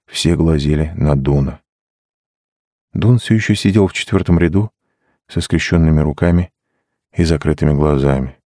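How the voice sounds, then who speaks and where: A man reading an audiobook in steady, measured storytelling narration. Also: rumbling low, no echo, studio quality. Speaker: audiobook reader. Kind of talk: scripted narration.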